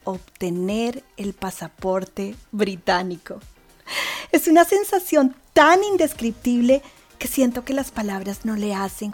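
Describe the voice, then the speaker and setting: A woman hosting a podcast, talking to her listeners in an emphatic, dramatic way. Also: fairly high pitch. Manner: warm, emphatic, dramatic delivery. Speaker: podcast host. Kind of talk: podcast monologue. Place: abroad in the United Kingdom.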